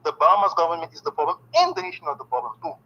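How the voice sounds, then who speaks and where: Very fast and on the high side, a native-speaking Haitian man gives candid, emphatic interview answers, excitedly sprinkling in "okay." The sound quality is lo-fi.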